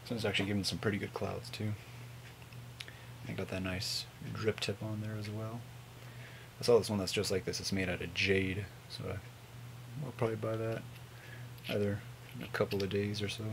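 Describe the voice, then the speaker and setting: A man in his twenties giving a casual, mumbled, sweary product review on a low-volume webcam recording. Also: little pitch movement, moderate pace, vocal fry, pauses often, slight background noise, poor audio. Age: 20s. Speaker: vape reviewer. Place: small home room with hanging clothes.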